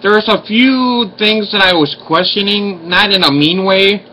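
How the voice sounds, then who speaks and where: Man in his forties with a slight lisp after oral surgery, fairly high and bright voice, rambling and apologetic. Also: unhurried, a little hiss or hum, poor audio. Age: 40s. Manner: rambling, apologetic, with many fillers and restarts. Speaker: vlogger. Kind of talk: casual vlog monologue and recorded phone call.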